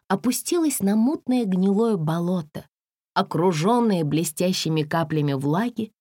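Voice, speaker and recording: A woman narrating a fairy-tale audiobook in an expressive, measured storytelling manner. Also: medium pitch, no room sound, studio quality.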